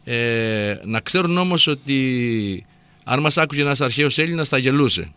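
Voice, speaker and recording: A middle-aged man hosts a discussion. He steers the conversation and prompts his guest. His delivery is even and unforced. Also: medium pitch, smooth, no echo. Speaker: host. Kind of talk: radio discussion.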